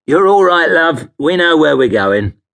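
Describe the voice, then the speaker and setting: A man's voice: fairly high pitch, big pitch swings, unhurried, gravelly, fairly bright tone, pitched above the performer's own voice, full character voice. A man voicing a sinister cabbie, chummy and falsely reassuring. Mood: soothing. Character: sinister London cabbie, oily and soothing.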